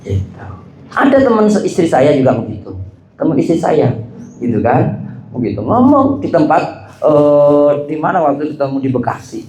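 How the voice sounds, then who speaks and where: A man's voice: on the high side, sing-song, normal speed, warm tone, a little hiss or hum. A man preaching a casual study sermon, chatting the audience, asking them questions and saying "gitu" and "begitu" again and again. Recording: roomy hall echo.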